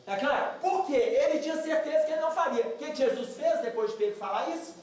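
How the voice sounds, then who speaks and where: A man giving a religious study talk, animated and putting questions to the audience. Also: very high voice, fast talker, a little hiss or hum. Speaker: lecturer. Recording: echoey hall, distant mic.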